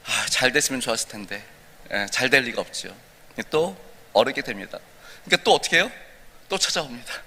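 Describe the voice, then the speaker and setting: Male pastor, sermon, storytelling with questions, bright voice, long church reverb. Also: medium pitch, big pitch swings, brisk, pauses often, breathy edge. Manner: storytelling, asks the congregation questions. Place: church sanctuary.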